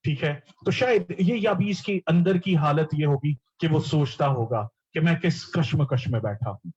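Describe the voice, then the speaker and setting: Husky preacher man, lo-fi recording. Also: a little high, darkish tone. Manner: mixes English words into teaching, repeats key words. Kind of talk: sermon.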